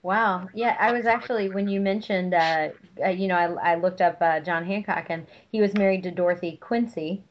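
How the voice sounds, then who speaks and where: Low-voiced woman on a dull line. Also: slight background noise. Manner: halting, many fillers. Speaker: co-host. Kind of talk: casual talk-show chat.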